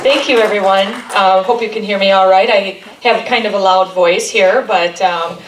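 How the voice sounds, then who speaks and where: A middle-aged woman from Michigan, president of a chamber of commerce, chats to a local group in a meeting room in a friendly, rambling way, dropping many ums. Her medium-pitched voice stays steady at a moderate pace. The faraway recording is echoey and swamped by heavy background noise.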